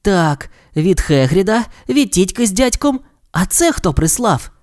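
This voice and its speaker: The audiobook reader voices a calm, friendly boy wizard, speaking lightly. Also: mid-range voice, a little slow, pitched above the performer's own voice. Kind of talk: audiobook character reading.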